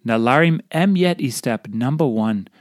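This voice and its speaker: A man's voice: mid-range voice, expressive, moderate pace, no echo, studio quality. A man with a Papua New Guinean accent reading a scripted devotional. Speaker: devotional reader.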